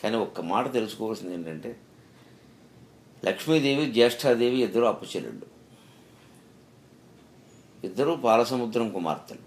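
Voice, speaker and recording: A man's voice: on the low side, expressive, moderate pace, pauses often. A middle-aged man giving a spiritual discourse, telling stories and asking rhetorical questions with emphatic rises. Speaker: spiritual speaker.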